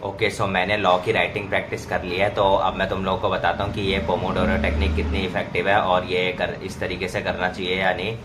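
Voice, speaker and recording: Low flat-voiced young man. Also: brisk, few pauses, background noise. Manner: explains step by step, Hindi mixed with English words. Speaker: student vlogger. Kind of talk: casual study vlog narration. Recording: voice-over with clear background music.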